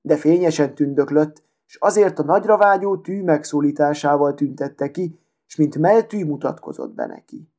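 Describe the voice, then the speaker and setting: Storyteller reading a fairy tale: a man with a fairly high, mellow voice and a calm, measured delivery.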